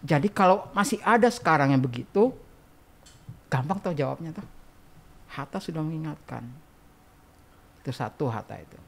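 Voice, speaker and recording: A man's voice: a little high, animated, normal speed, gravelly, pauses often, a bit bright. A man guest on a casual podcast interview, explaining things in a chatty way and asking rhetorical questions. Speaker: guest archivist.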